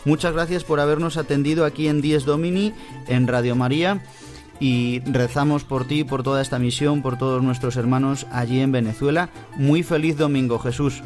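Calm Spanish radio host. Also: male voice, mid-range voice, moderate pace, soft background music. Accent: Spain Spanish. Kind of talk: radio interview and program wrap-up.

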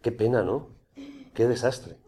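A man voicing a nagging male inner voice that speaks slowly and softly, with false sympathy. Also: mid-range voice, lightly acted. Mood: pitying. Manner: soft, slow, falsely sympathetic.

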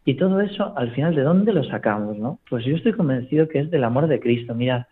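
Priest, radio guest by phone line, mid-pitched, storytelling, leans on "¿no?". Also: male voice, animated, a little fast. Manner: storytelling, constant tag question "¿no?". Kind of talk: reflective spiritual talk on radio.

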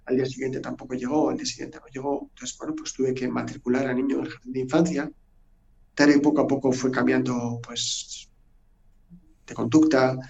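A priest telling a lively story on a radio interview. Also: male voice, mid-range voice, vocal fry, reverberant, slight background noise. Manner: animated anecdotal storytelling. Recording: dull lo-fi audio.

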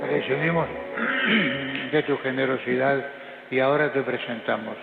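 A man, a priest, intoning the prayers of Mass with a cathedral echo, in a solemn, measured way. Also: mid-range voice, steady tone, creaky, loud music behind the voice. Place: large church. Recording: tinny phone-like recording of a cathedral with long echo and background noise.

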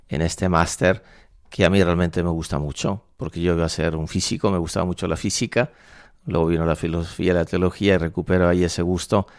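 A man in his sixties from La Mancha in Spain, a priest, speaking thoughtfully with frequent pauses in a radio studio interview. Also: sits low, darkish tone, clear, resonant tone, no echo. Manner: thoughtful, measured, with frequent hesitations. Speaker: priest and university rector. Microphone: studio microphone.

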